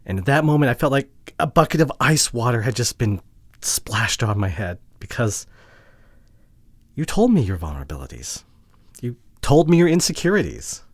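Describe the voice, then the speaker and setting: This time the pleading, regretful boyfriend in the ASMR drama has a mid-range voice with big pitch swings, sounding anguished and apologetic. He speaks haltingly and emotionally, often dropping to a hush, in a clean studio recording without echo.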